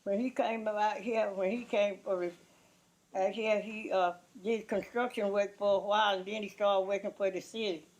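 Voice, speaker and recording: A woman's voice: mid-range voice, fairly even intonation, moderate pace, a little mellow, lo-fi sound. A woman in her nineties with a Southern US accent, reminiscing casually in a plain-spoken way, often repeating words and restarting her sentences. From Louisiana, USA. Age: 90s, elderly. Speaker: interviewee. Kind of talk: casual oral-history reminiscence.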